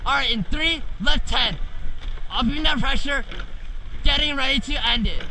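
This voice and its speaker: A man's voice: very high voice, normal speed, sharp tone, poor audio. A teenage male coxswain calling out urgent, clipped, repeated commands to a rowing crew. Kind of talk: shouted race calls to a rowing crew. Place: outdoors in a racing shell on a lake. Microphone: camera mounted on the boat near the speaker. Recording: action camera outdoors, wind and water noise.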